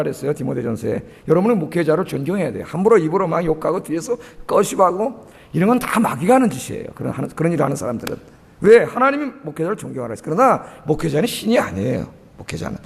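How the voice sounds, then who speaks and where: High-voiced pastor preaching in an echoing church. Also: male voice, gravelly, breathy edge. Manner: emphatic, keeps asking the congregation rhetorical questions and prompting "eh?". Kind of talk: sermon. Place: church sanctuary. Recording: long reverb of a church hall.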